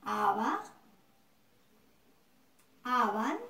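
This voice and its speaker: Extremely slow yet very animated, a Colombian woman teacher with a high-leaning, gravelly, bright and forceful voice gives a recorded classroom grammar lesson. She patiently repeats words and checks with her students, heard off-mic from afar in an echoey room.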